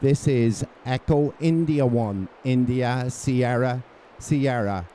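A man's voice: medium pitch, slow pace, mellow, slight background noise. An older man operating a radio on stage with a handheld microphone, formally spelling out call signs in phonetic alphabet. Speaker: radio operator hosting a school contact. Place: school hall stage.

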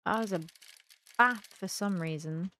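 A young adult woman hosts a gaming video, offering casual playthrough commentary as she thinks aloud and reacts while playing. Her medium-pitched voice is bright and forceful, a little slow, picked up by a close desk mic on an arm in a small room at home, with slight background noise.

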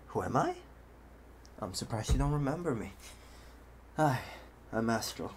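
With a mid-range voice carrying a little hiss or hum, a man acts out a playful, obsessive young intruder in an ASMR roleplay. He coaxes the listener like a doting owner, smug and playful, pausing hesitantly and murmuring asides.

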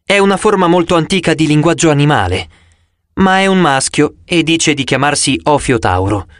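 A man's voice: a little high, expressive, moderate pace, a bit bright, dry recording, studio quality. A man voicing a nervous young satyr who talks in a hesitant, slightly awkward way, in an audiobook. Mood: eager.

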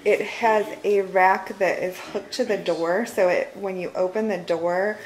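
A home vlogger in her thirties speaks in a mid-range voice with fairly even intonation, a little slowly, as she shows off a large house with an open-plan living room and kitchen. She holds the camera herself, staying off screen, and chats casually and cheerfully with many fillers. Slight background noise is audible, and the recording is rough.

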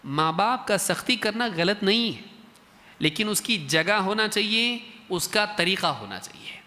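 A man giving a colloquial, lively religious workshop talk, acting out exchanges between parents and children. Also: high voice, measured pace. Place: large mosque hall, indoors. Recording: reverberant mosque hall.

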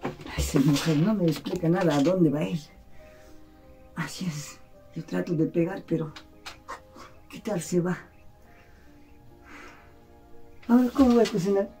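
A woman's voice: lowish voice, normal speed, pauses often, warm tone, faint music behind, natural voice. A woman playing a henpecked old pensioner man who complains plaintively, in Andean Peruvian Spanish, in a comedy sketch. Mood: complaining. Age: over 60.

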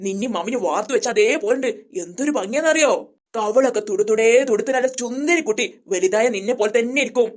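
A woman's voice: on the high side, lively intonation, fast talker, lightly acted. A woman voicing a doting aunt who fusses over a newborn in a toy-play story. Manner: fussing, gushing.

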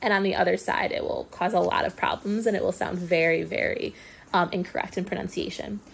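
A woman speech-language pathologist giving a casual step-by-step software tutorial, explaining as she clicks, with frequent ums. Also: lowish voice, steady tone, fairly quick, gravelly, breathy edge. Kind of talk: screen-recorded software tutorial.

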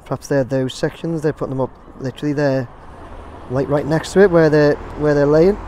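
Chatting to viewers he calls "guys," an English-accented man rambles through a casual vlog about his drone footage, filmed outdoors near a construction site. His voice is fairly high-pitched yet dark in tone, steady and a little fast, with a little hiss or hum behind it.

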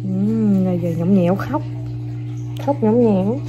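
A woman's voice: medium pitch, measured pace, lo-fi sound, music in the background. A young mother, filming her kids and coaxing them, talking to viewers in a casual, playful way. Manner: coaxing, playful, repeats short commands to children.

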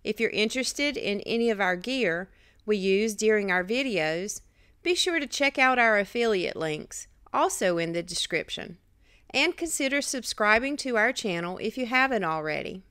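A woman's voice: medium pitch, expressive, normal speed, fairly bright tone, clear, resonant tone, no room sound, clean studio sound. A woman co-hosting a camping vlog, giving friendly channel notes to viewers. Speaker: vlog co-host. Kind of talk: casual vlog talk to camera.

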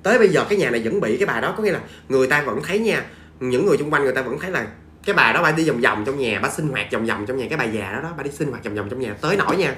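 A man's voice: mid-range voice, animated, racing, a bit bright, echoey room, slight background noise. A man with a Southern Vietnamese accent telling a ghost story in a chatty, familiar way to his listeners. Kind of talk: casual spoken storytelling.

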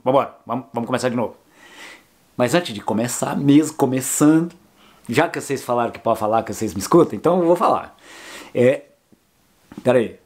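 Man, older, from Brazil, travel vlogger, animated jokey storytelling, middle-pitched voice. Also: brisk, pauses often. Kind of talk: casual storytelling to camera.

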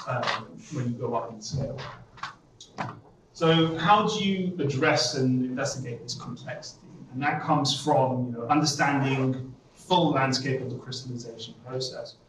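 A man, an application scientist, giving a technical conference talk, steady and full of ums. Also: mid-range voice, noisy background. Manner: steady lecturing with frequent ums. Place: lecture room. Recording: echoey room from far off.

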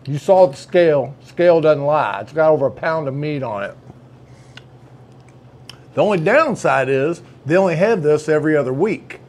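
A man's voice: on the high side, animated, moderate pace, a little mellow. A man, chatting casually as he reviews food in a deli, folksy and savoring each bite. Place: indoor deli dining room.

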